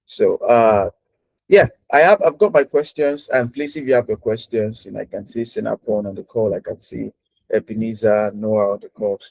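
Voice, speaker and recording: A man hosts a casual interview on a video call. His voice sits fairly low and sounds dry and close. He talks in a chatty way, repeating phrases and leaning on fillers. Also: moderate pace, vocal fry, a little mellow, dry recording, poor audio. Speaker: host.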